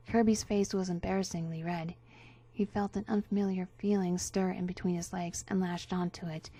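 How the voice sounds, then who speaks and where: A woman narrating a story as a theatrical dramatic reading, with hammy, drawn-out emphasis. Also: mid-range voice, mellow, breathy edge. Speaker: narrator, reader.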